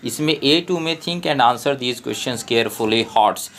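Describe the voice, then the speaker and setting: Man, tutor, Indian English accent, slow careful delivery, medium pitch. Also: fairly bright tone. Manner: slow, deliberate reading of English prompts, explains in Hindi. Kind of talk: explaining textbook exercises.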